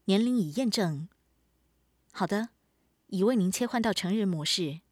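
A woman's voice: mid-range voice, animated, moderate pace, no room sound, close to an everyday voice. Woman acting as a polite smart-speaker assistant, close and dry. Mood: polite, neutral. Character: polite smart-speaker voice companion system, female. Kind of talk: scripted system prompts.

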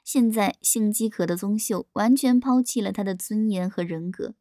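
A woman narrating an erotic story in a steady, even reading voice. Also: mid-range voice, moderate pace, no echo, studio quality.

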